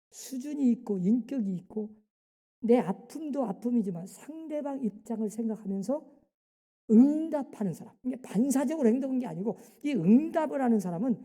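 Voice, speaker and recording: A woman pastor preaches in a church, her voice somewhat high yet dark and mellow in tone. She keeps throwing rhetorical questions and short prompts at the congregation. A long reverb from the hall trails behind each phrase. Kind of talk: sermon. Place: church sanctuary.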